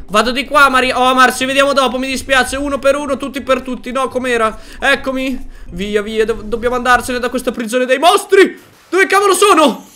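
A man commenting on his own gameplay in an excited, jokey way, yelping and shouting when he gets scared. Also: very high-pitched. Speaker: gaming YouTuber.

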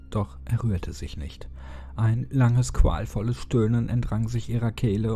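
A man reading a horror story aloud in a steady, measured storytelling manner. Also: on the low side, creaky. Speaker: horror audiobook narrator. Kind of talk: scripted horror narration.

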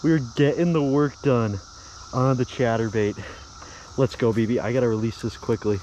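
A young man vlogging while pond fishing, excitedly talking to his viewers. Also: mid-range voice, moderate pace, slight background noise, low-quality recording. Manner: excited, exclamatory, talks to viewers. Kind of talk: casual outdoor fishing vlog. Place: outdoors by a pond.

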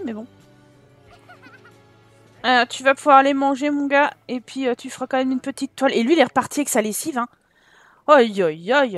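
A woman's voice: high voice, dry recording. A young French woman commenting casually and playfully on her life-sim game, chatting to her characters as she plays. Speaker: Sims gameplay YouTuber. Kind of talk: casual let's-play commentary.

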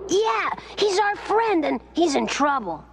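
Woman as Pugsley: high, gravelly, bouncy cartoon boy who loves gruesome ideas. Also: sing-song, a little slow, very noisy, heavily acted. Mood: eager. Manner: eager, gleeful about gruesome ideas. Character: Pugsley, gleefully morbid young boy. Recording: music under the voices.

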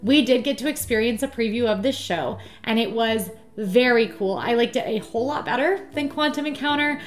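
A woman's voice: a little high, moderate pace. A woman hosting a travel vlog, chatting in a bubbly, enthusiastic way with the odd "um". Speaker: vlog host. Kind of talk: casual travel vlog chat.

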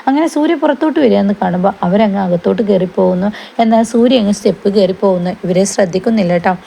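A woman's voice: medium pitch, rapid-fire, creaky, mellow. A woman casually retelling the plot of a TV serial, chatty, with frequent asides to the listener. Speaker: TV serial recap narrator. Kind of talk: casual spoken story recap.

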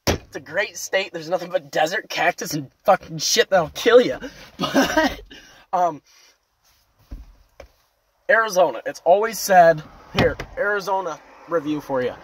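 A young man ranting to camera in a casual, foul-mouthed vlog, loud and animated, veering between yelling and muttering, parked at a roadside turnout. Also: high-pitched, measured pace, long pauses, a little hiss or hum. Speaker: vlogger. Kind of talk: casual profane rant to camera.

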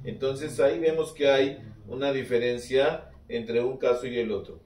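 A man's voice: mid-range voice, fairly even intonation, moderate pace, a little mellow. Distant man explaining fluently in an echoing room. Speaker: interpreter for the rabbi. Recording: echoey room, far from the mic.

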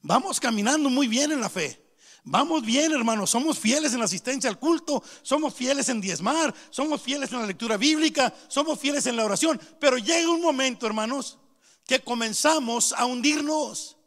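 Pastor guy, middle-aged, really high voice, storytelling sermon, long echo from the church hall. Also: lively intonation, normal speed, fairly bright tone. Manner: storytelling, keeps calling out to the brethren.

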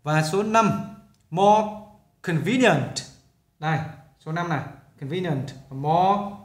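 A man talks through a lesson as a teacher, in a chatty, repetitive way. His voice sits a little high for a man. The recording has a roomy echo around it. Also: takes it slowly. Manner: chatty, repeats himself while explaining. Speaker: English teacher. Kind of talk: casual classroom explanation.

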